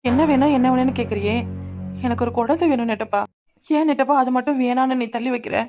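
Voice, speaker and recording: A sharp-tongued young village wife, played by a woman in a cartoon, speaking with a Kanyakumari Tamil accent. Her voice sits high and she talks very fast, retorting often. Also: over music, close to an everyday voice. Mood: sulky. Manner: sulky, retorting.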